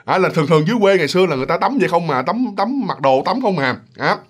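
A man's voice: on the high side, lively intonation, rapid-fire, husky. A man telling a ghost story in a casual, chatty way, often turning to speak straight to his listeners. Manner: chatty, addresses listeners directly.

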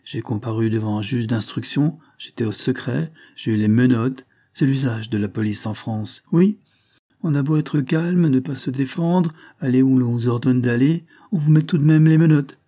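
A man's voice: medium pitch, normal speed, warm tone, natural voice. A man reading a novel aloud, voicing a grieving man once wrongly accused of murder, heartfelt and mournful. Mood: agitated. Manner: heartfelt, mournful, tearful pleading.

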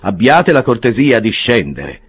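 A man reading an audiobook, voicing a smug young law clerk with falsely polite, drawn-out phrasing. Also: medium pitch, big pitch swings, breathy edge, pitched above the performer's own voice, heavily acted.

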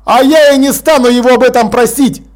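A stubborn watch commander, as a male narrator plays him, blunt and dry, issuing orders in a fairly high man's voice. He sounds firm and unimpressed throughout. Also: steady tone, brisk. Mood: commanding.

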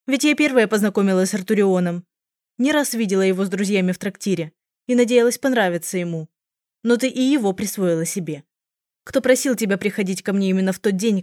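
A woman reading an audiobook, voicing a bitter, jealous young woman tavern-keeper who shouts her accusations. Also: medium pitch, no room sound, studio quality, lightly acted.

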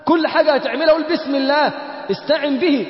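A man with an Egyptian accent giving a colloquial sermon. He questions the congregation directly, swinging between loud, emphatic lines and soft, slow chanted recitation. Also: extremely high pitch. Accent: Egyptian Arabic. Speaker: preacher. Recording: echoey hall, dull lo-fi sound.

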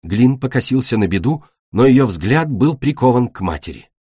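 A man narrating a fantasy audiobook with expressive storytelling. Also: medium pitch, moderate pace, breathy edge, dry recording, clean studio sound.

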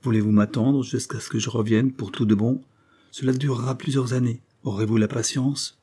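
A man voicing an earnest, steady young farm man who talks in calm, reasoned sentences. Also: mid-range voice, normal speed, breathy edge, close to an everyday voice. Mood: tender.

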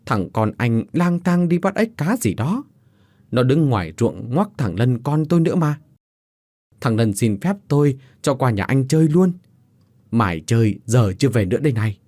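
A man's voice: mid-range voice, mellow, no echo, pitched above the performer's own voice, natural voice. A man voicing a frantic, grieving middle-aged village father who pleads and cries out in anguish.

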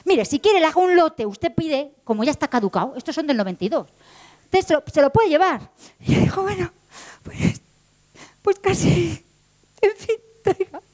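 A woman storyteller telling a tale live, lively and dramatic, speaking straight to her listeners. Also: high voice, fairly quick, rough recording.

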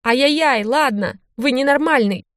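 A woman's voice: moderate pace, fairly bright tone, no room sound, clean studio sound. A woman reading an audiobook voices a big male thug student who whines and panics in a raised, strained voice. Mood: panicked. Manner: whining, panicky, high-strung.

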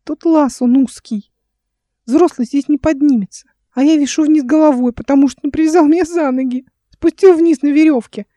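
A timid little servant boy with a thin, high, squeaky voice, as a woman reader puts him on. He pleads breathlessly and in a hurry, in a storybook audiobook. The voice is mellow and close, in a dry room. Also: normal speed, dry recording, close to an everyday voice. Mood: distressed. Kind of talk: audiobook character voice.

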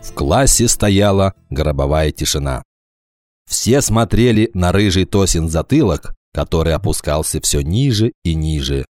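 A man reading a children's story aloud as narrator, in an expressive storybook manner. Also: sits low, measured pace, no room sound, faint music behind. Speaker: audiobook reader. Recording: dry close home recording.

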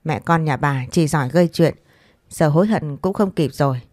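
A woman's voice: sits low, normal speed, a little mellow, no room sound, clean studio sound. A woman voicing a weary, regretful older mother-in-law who sighs and complains. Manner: sighing, complaining.

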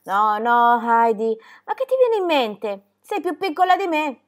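A woman reading aloud voicing a gentle, calm young girl who speaks wistfully. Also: on the high side, measured pace. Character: gentle, calm invalid girl, a bit older.

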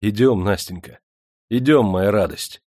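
A man's voice: on the low side, a little slow, darkish tone, natural voice. Man doing a tough young factory worker. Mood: relieved, tender.

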